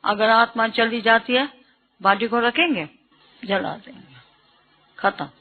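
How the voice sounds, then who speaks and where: An older woman from Sindh giving a devotional talk, recalling early memories slowly, quoting sayings and asking her listeners questions. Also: a little high. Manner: slow storytelling with quoted sayings and questions to listeners. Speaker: spiritual teacher. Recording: tinny phone-like archive recording.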